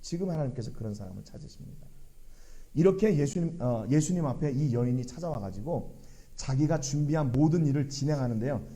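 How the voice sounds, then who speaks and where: Lively-voiced male pastor preaching. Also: mid-range voice, a little fast. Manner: earnest preaching with rhetorical questions. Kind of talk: sermon. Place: church.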